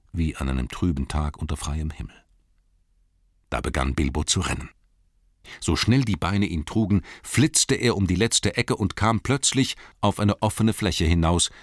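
A man narrating an audiobook in an expressive reading style, briefly voicing the characters as he tells the story. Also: low voice, no echo, studio quality.

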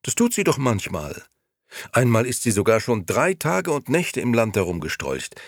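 A man's voice: medium pitch, sing-song, normal speed, dry recording, clean studio sound, pitched above the performer's own voice. A man voicing a young male storyteller who answers evasively and pleads in a frightened, hasty way in a storybook reading. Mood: anxious.

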